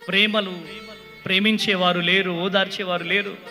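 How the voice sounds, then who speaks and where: Middle-aged male pastor, impassioned testimony, soft then shouting, long hall reverb, light music bed. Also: high-pitched, flat delivery, normal speed. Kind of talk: emotional testimony sermon.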